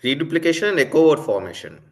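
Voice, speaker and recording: A man moderating an online academic conference, speaking in a halting way with small corrections. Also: a little high, big pitch swings. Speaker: academic session chair. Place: online video call.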